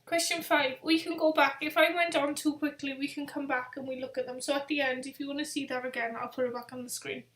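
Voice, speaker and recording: Woman, high voice, tired, rambling quiz host, echoey room. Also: level tone, fairly bright tone. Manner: chatty, rambling, reads questions out slowly and repeats them. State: tired, yawning. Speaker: quiz host on a live stream. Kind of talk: casual live-stream chat.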